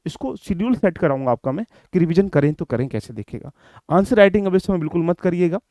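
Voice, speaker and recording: A man's voice: fairly high pitch, vocal fry, warm tone, no echo. A man giving a direct, instructive lecture on exam strategy to his students. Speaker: exam coaching teacher.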